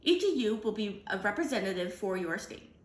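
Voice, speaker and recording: A woman's voice: mid-range voice, big pitch swings, fairly quick, reverberant, close to an everyday voice. A woman voicing an encouraging, orderly female elementary teacher in a storybook, announcing and explaining.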